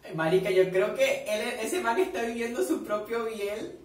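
A man's voice: high-pitched, animated, moderate pace. A man doing chatty reaction commentary, swearing a lot and eating while he talks. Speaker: reaction vlogger. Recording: very echoey room, far from the mic.

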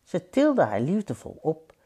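Slow, expressive woman reading a storybook. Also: low voice, breathy edge. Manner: expressive, slow and gentle, with playful sound effects.

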